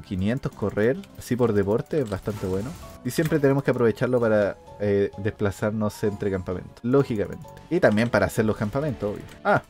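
A man giving casual commentary over his own gameplay, animated, bursting into sudden shouts and sound effects. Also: medium pitch. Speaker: gaming streamer.

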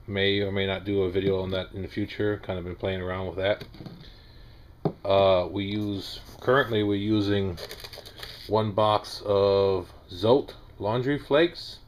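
Low flat-voiced Southern man. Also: a little slow, a little hiss or hum. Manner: plain-spoken, rambling with restarts and fillers. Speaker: homestead vlogger. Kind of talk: casual how-to video. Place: small wood-paneled room indoors.

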